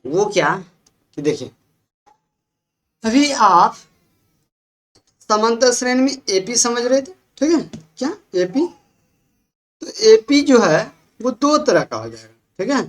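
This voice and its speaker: A woman's voice: on the high side, very animated, slow pace, long pauses. A woman teaching a maths class in Hindi with a Bihari accent. She explains patiently, repeats herself and keeps checking with the students.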